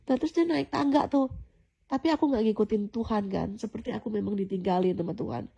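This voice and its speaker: A woman's voice: mid-range voice, quick pace, gravelly, mellow, husky. A woman casually telling viewers about a dream, in a rambling way, repeating herself, with many fillers and restarts. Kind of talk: casual spoken testimony addressed to viewers.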